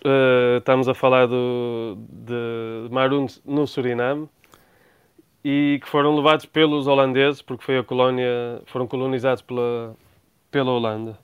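This Portuguese man in his thirties, a traveler guesting on an interview, answers questions thoughtfully and often restarts his sentences. His European Portuguese-accented voice is medium-pitched with little pitch movement, measured in pace, and recorded clean with no echo.

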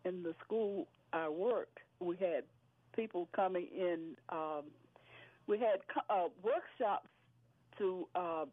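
A woman calling in over the phone, talking in a halting, hesitant way with many restarts. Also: fairly low pitch, no echo. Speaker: caller. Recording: tinny phone line, dry.

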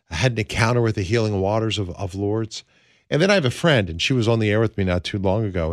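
A man hosting a radio show in a studio, talking in a smooth, earnest, conversational way with many fillers as he leads prayer. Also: on the low side, dry recording. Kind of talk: smooth radio host talk, leading prayer.

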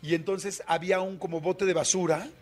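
Mexican man, higher-pitched storyteller. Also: a little fast, faint music behind. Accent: Mexican Spanish. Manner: colloquial, animated storyteller with many fillers. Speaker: radio guest. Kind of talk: storytelling in a radio interview.

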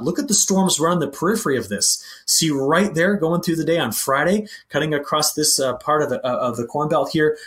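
Man briefing on weather. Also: fairly high pitch. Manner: explanatory, points at maps, animated stresses. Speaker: weather forecaster.

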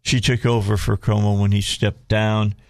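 A man's voice: on the low side, flat delivery, normal speed, a little mellow, no echo, studio quality. A man with a Southern US accent hosting a casual talk radio show in a folksy way, often repeating phrases as he goes.

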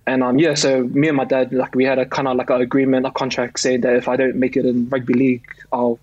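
A man's voice: medium pitch, fast talker, no room sound, dull audio. A young man from New Zealand, a rugby league player, chatting casually in an interview with lots of fillers. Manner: relaxed, many fillers and likes.

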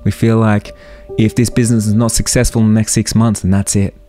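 A man in his thirties hosts a solo motivational podcast, speaking earnestly and firing off rhetorical questions. His voice is on the low side and dark, with little pitch movement and a brisk delivery over soft background music.

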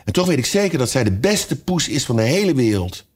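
A man's voice: medium pitch, sing-song, a little fast, darkish tone, slightly rough, voice pushed up. A man reading a storybook aloud, voicing a curious and polite young girl who talks earnestly and pleads. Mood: wistful.

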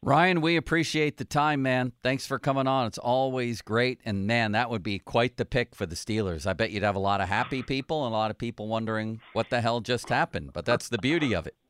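A man's voice: mid-range voice, fairly bright tone, smooth, no room sound. A man hosting a sports radio show in the studio, chatting casually with guests and breezing through sponsor tags. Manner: breezy, reads sponsor tags in quick succession.

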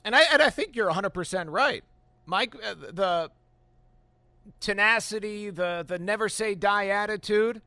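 Man, sports talk radio host, high voice, bright sharp tone, dry close studio sound, emphatic. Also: measured pace, dry recording. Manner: animated, emphatic, with frequent fillers and restarts. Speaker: postgame radio show host.

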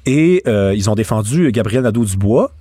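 Québécois guy ranting about politics, lively pitch, stumbles and restarts a lot. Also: moderate pace, slightly rough, dry recording. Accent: Québécois French. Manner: animated, opinionated, stammering restarts. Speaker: radio show host. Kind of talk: political commentary chat.

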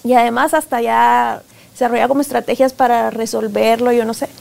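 A woman, speaking as a guest expert in a conversational interview, animated and often acting out parents and children. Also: on the high side, fairly quick, gravelly. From Guatemala. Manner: animated, acts out parents and children in quoted voices. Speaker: positive discipline expert guest.

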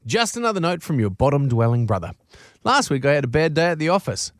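A radio co-host chats in a studio in a casual, blokey, slangy manner, his slightly high voice sing-song and quick on a dry recording. He swaps stories and reads a comic anecdote aloud with animation.

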